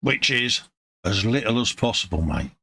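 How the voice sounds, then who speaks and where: A man's voice: lowish voice, very animated, normal speed, bright, forceful tone, slight background noise. A man with a British accent co-hosting a casual model-building live stream from his workbench, bantering, chuckling and calling his friend mate. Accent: British English. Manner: banter-filled, calls people mate, chuckles often. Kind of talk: casual chat. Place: home workbench.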